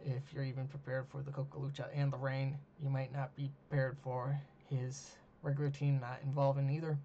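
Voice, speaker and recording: A man hosting a solo monologue, talking casually with many ums and uhs, losing his voice and clearing his throat. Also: mid-range voice, completely flat delivery, fairly quick. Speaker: host. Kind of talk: solo monologue ranking teams. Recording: dull lo-fi mic with faint hiss.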